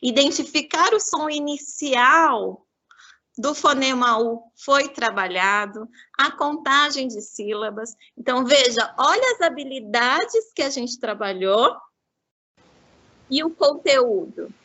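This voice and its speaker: Woman lecturer, high-pitched, bright tone, didactic, stretches words slowly to model them. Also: expressive, highs cut off. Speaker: lecturer on literacy teaching. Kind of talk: online lecture to teachers.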